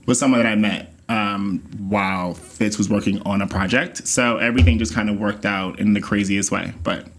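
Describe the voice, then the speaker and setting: A man from the Bahamas co-hosting a podcast with his partner, chatting casually in a playful, animated way. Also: on the low side, moderate pace, few pauses. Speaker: podcast co-host. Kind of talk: casual chat.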